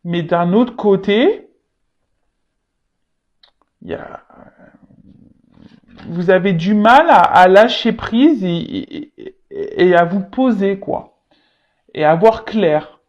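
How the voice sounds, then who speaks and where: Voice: mid-range voice, animated, slow pace, pauses often, a little mellow, lo-fi sound. A tarot reader giving an unscripted reading straight to viewers, often stalling, repeating words and leaning on fillers.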